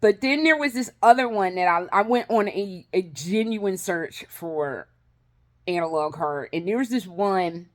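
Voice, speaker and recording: In a casual, rambling vlog chat, a woman with a lowish, animated voice talks at a measured pace. She swears freely, laughs often, and keeps restarting her sentences.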